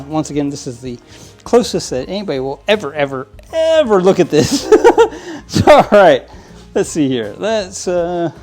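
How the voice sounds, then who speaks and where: A man with a medium-pitched, darkish voice hosts a model train hobbyist channel. At his work table he casually narrates cleaning model trains as a hands-on how-to, rambling with lots of fillers and restarts and chuckling often.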